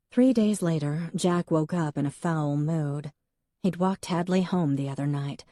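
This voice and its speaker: A woman reads an audiobook in a low, mellow voice. Her delivery is even and measured, close to the mic in a dry, dead room. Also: no echo. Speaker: audiobook narrator. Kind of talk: scripted narration.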